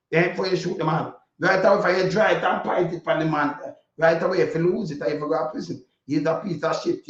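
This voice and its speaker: A man's voice: fairly high pitch, fairly bright tone. Jamaican guy ranting politics in patois, blunt and sweary, echoey muffled recording. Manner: indignant, blunt, heavy swearing. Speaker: political commentator. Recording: dull lo-fi audio, echoey room.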